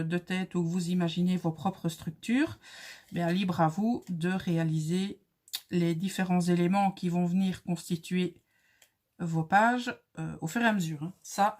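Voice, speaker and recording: A woman hosts a casual crafting tutorial, with a light accent. She speaks at an unhurried, leisurely pace, chatting in a friendly way as she talks viewers through each step. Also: lowish voice, darkish tone.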